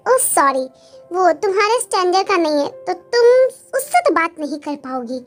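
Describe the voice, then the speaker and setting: A snobbish young woman who looks down on everyone and sneers in every line, played by a woman in a fan-made dub. The pitch is very high. Faint music runs behind her. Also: very animated, moderate pace. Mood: sneering. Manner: sneering, condescending. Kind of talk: Hindi fan dub acting.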